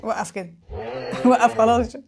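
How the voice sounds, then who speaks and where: A woman's voice: a little high, steady tone, normal speed, creaky, a little mellow. A young woman with an Egyptian Arabic accent, giving a reaction commentary as an anime YouTuber, exclaiming, teasing and laughing often.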